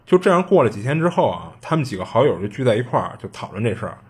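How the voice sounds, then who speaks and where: A man's voice: mid-range voice, very animated, racing, slightly rough. A man, hosting a podcast and retelling a spooky story in a chatty, casual way full of fillers. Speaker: podcast host.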